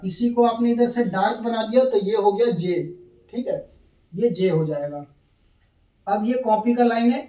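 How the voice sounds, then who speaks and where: A man's voice: sits high, warm tone. A man teaching shorthand at a board, patiently repeating each step and checking in with his students. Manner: patient, repeats steps, keeps checking in with "thik hai". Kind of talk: classroom lesson at a board. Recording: echoey room, mic at a distance.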